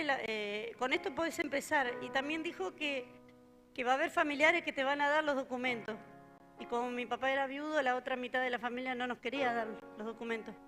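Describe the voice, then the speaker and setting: Older argentine lady telling her testimony at church, a bit high, hesitant, music faint behind. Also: a bit bright. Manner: plain, hesitant storytelling with fillers. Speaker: church member giving testimony. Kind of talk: spoken testimony at a church service. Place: church service.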